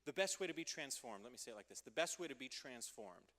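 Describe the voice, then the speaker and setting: A man preaching a youth group sermon as youth pastor, playful and energetic, joking with the teens before turning earnest. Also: mid-range voice, fast talker. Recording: long hall reverb.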